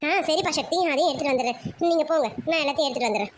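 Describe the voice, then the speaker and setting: A man voicing a practical middle-aged mother who gives hurried instructions, on a dull lo-fi cartoon recording. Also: extremely high pitch, loud music behind the voice, pitched above the performer's own voice. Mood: brisk.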